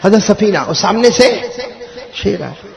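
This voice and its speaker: A man telling a religious story to children in a lively way, often asking them to answer back. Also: high voice, vocal fry, a crowd in the background. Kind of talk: animated storytelling to a young audience.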